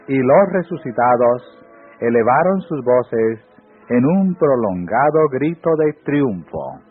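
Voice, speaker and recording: Male devotional reader, solemn and unhurried, husky tone, phone-line audio. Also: mid-range voice. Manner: solemn, rising on exclamations. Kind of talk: slow devotional reading. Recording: phone-like audio with faint music.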